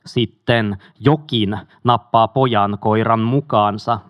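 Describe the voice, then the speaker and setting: A man reading a memoir aloud in a steady, measured way, with a few casual asides. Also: lowish voice, dry recording, clean studio sound. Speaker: audiobook reader.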